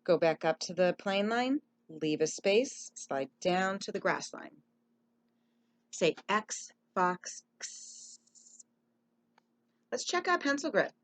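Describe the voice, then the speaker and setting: A woman teacher leads young children through reading sentences and skywriting letters. She speaks slowly and clearly at a middle pitch, drawing out each word. Her tone stays encouraging throughout the video lesson. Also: sing-song. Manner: slow, clear, encouraging, drawn-out words.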